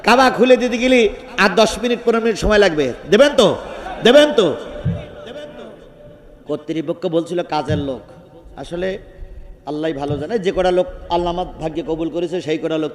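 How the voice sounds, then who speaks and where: A man preaching a Bengali waz sermon at an outdoor gathering, telling stories with animated force, shouting at the peaks and questioning the crowd through a microphone. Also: fairly high pitch, big-room sound.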